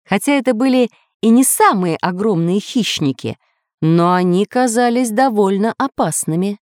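A woman's voice: medium pitch, animated, moderate pace, darkish tone, no room sound, clean studio sound. A woman narrating a children's adventure story expressively, giving each character a voice. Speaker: audiobook narrator.

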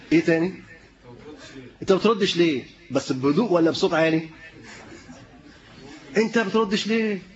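A man's voice: sits high, lo-fi sound. A man with an Egyptian Arabic accent teaching an interactive lesson, questioning the audience and chuckling often. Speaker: preacher teaching a class.

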